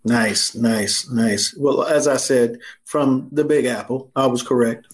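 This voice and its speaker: A man's voice: mid-range voice, fairly even intonation, slow pace. A man hosting a casual interview show, joking, rhyming and repeating phrases for emphasis. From Harlem, New York. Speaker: podcast host.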